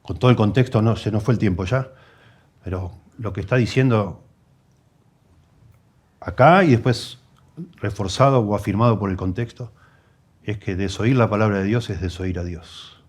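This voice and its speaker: A man preaching with a Rioplatense Spanish accent and a rather low voice. He explains the text patiently and asks the congregation rhetorical questions. He builds through emphatic repetition and then drops into quiet, low-key asides. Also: moderate pace, long pauses, husky. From Argentina. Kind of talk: expository sermon.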